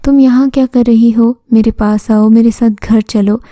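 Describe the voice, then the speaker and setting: A woman's voice: a little high, steady tone, moderate pace, warm tone, dry recording, lightly acted. A woman voicing an anxious father, a poor cobbler, in a storybook tale, pleading with his daughter.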